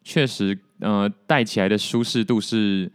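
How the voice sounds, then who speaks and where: A young man hosts a casual solo podcast, rambling and poking fun at himself. His voice sits very low and comes through smooth and resonant. The recording is dry and close, with no room sound. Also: measured pace, no echo. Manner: relaxed, rambling, self-deprecating. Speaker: podcast host.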